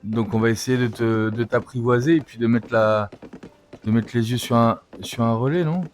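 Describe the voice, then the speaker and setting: Excitable man narrating his gameplay. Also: mid-range voice, moderate pace, soft background music. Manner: excitable, coaxing, talks to the game. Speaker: let's play streamer. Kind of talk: live gameplay commentary.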